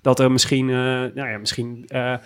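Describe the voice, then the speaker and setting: A man's voice: mid-range voice, flat delivery, moderate pace, fairly bright tone, clean tone. A man hosting a casual interview podcast, feeling his way into questions with repeated phrase openings.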